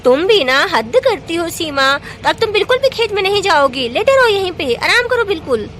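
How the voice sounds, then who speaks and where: A woman's voice: very high voice, sing-song, moderate pace, fairly bright tone, slight background noise, exaggerated voice. A woman doing a fussing, firm village mother. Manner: scolding, caring.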